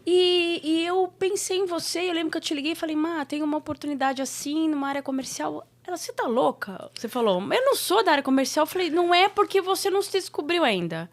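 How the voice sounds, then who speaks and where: A woman's voice: high voice, expressive, fast, hardly any pauses. A woman hosting a casual interview, asking friendly, encouraging questions with frequent tag questions. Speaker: host.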